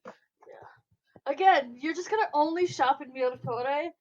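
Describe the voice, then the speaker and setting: A woman's voice: high-pitched, moderate pace, dull audio, a little hiss or hum. A woman running a tabletop game as game master, heard through a group voice chat, explaining rules with many restarts and fillers.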